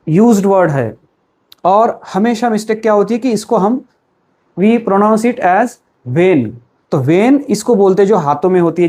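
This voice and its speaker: A man's voice: high voice, darkish tone. A man with an Indian accent teaching English pronunciation, mixing Hindi and English and quizzing the viewer. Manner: slow, deliberate delivery. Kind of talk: classroom-style pronunciation lesson.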